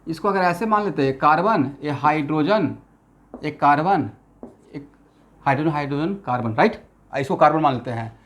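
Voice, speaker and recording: Male tutor, slightly high voice, classroom lecture, quizzes students. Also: lively intonation, normal speed, a bit bright, highs cut off. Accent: Assamese-influenced Hindi. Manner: mixes Hindi with English terms, asks class questions constantly. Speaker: chemistry teacher.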